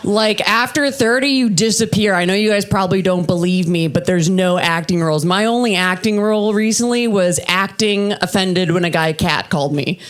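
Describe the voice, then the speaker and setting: Self-deprecating and deadpan, a woman in her thirties works through a live stand-up set at a comedy festival. Her voice is low and husky for a woman, and her delivery stays steady and unhurried.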